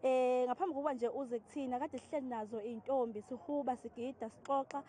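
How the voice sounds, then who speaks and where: A woman with a Zulu accent reporting live and interviewing as a field news reporter, often pausing on fillers. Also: high voice, fairly even intonation, dark tone, slight background noise.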